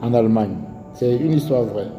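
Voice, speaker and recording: In an echoey hall with faint music, a man with an Ivorian French accent gives a sermon in a mid-range voice at a moderate pace. He weaves in stories and poses rhetorical questions.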